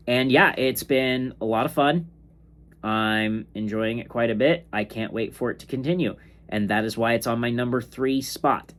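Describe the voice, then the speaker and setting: A sleepy young man reviewing comics in a casual, rambling way, with lots of fillers and restarts. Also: mid-range voice. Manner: slow, rambling, filler-heavy. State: sleepy, yawning. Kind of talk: casual ranking monologue.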